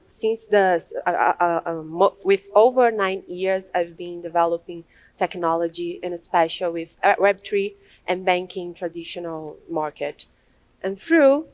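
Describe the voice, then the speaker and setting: A young Brazilian woman whose first language is Portuguese gives a hesitant conference talk from a podium in a large hall, speaking with a Brazilian accent and plenty of fillers and restarts. Her voice sits on the low side, and the poor-quality audio carries no room sound.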